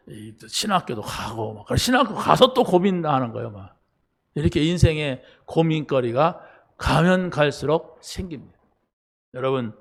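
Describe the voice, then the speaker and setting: A middle-aged man preaching a sermon in a casual, conversational way, full of fillers and rhetorical questions. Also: a little high. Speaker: pastor.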